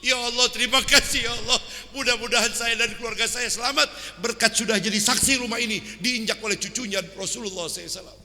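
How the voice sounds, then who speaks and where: A man's voice: extremely high pitch, steady tone, fast, few pauses, bright, forceful tone, faint music behind, full character voice. A male preacher voicing a poor, pious old teacher who pleads and exclaims through tears, in a sermon story. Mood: tearfully grateful. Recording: long hall reverb.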